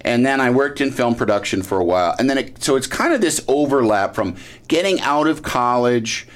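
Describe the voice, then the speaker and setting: A middle-aged actor appearing as a talk show guest tells a story in casual chat, speaking a little fast at medium pitch. He's animated, laughs a lot, pokes fun at himself, and keeps restarting his sentences.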